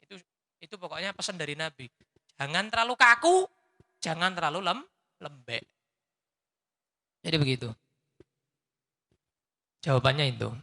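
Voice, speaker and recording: Male preacher with a Javanese accent, teasing delivery, bright gravelly voice. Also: fairly high pitch, moderate pace, pauses often, in a large hall. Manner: lively, teasing, mixes in local words. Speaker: habib preacher answering questions. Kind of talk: religious study lecture.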